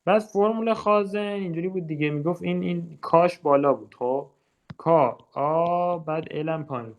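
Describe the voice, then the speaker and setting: Chatty young male physics tutor, higher voice. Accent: Persian. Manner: chatty, thinks aloud with fillers and checks. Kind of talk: casual exam walkthrough lesson.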